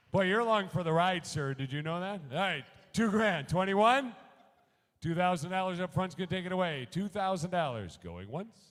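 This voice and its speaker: Brief: quick, joking man calling auction bids, slightly high voice, echoing through a big hall. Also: a bit bright. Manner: rapid-fire bid calling, joking with bidders. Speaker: charity auctioneer. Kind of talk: fast auction chant. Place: large hall at a school gala. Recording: long hall reverb.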